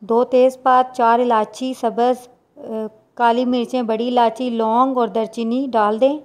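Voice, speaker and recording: A woman's voice: on the high side, level tone, darkish tone. Woman host talking through a recipe. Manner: plain instructional, unhurried with small restarts. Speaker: cooking channel host. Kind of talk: step-by-step recipe voice-over.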